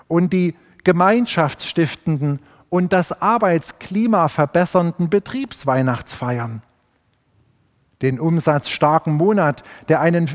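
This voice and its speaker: A man preaching a sermon as pastor, in a measured, unhurried pulpit delivery. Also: high voice. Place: church. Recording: long church reverb.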